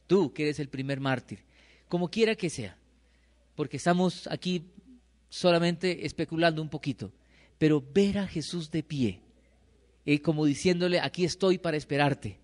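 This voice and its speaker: Middle-aged pastor, man, mid-high voice, preaching with questions to the pews. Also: big-room sound. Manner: questions the congregation and answers himself. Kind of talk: sermon. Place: church hall.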